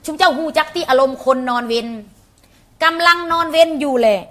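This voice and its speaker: High, bright-voiced Lao woman telling a story. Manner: blunt and coarse, with rapid repeated words. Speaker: channel host. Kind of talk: casual storytelling to camera.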